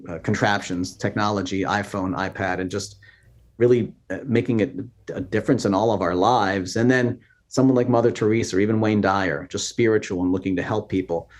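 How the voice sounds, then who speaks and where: A man in his fifties speaks as a podcast guest, his voice sitting on the low side. He talks earnestly and in an inspirational way, in a relaxed interview manner. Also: brisk. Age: 50s. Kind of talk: casual interview talk.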